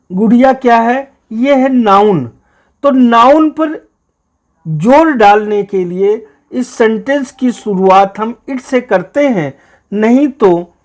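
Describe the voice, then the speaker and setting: A teacher explaining an English grammar lesson, reading example sentences out slowly and repeating the key points. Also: medium pitch, darkish tone.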